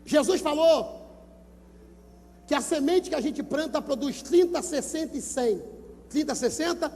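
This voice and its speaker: A male pastor with a Brazilian Portuguese accent, preaching emphatically into a handheld microphone at a youth event. He repeats numbers and questions and urges the listeners to shout back. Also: very high-pitched, animated, measured pace. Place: large gymnasium. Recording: long gymnasium reverb.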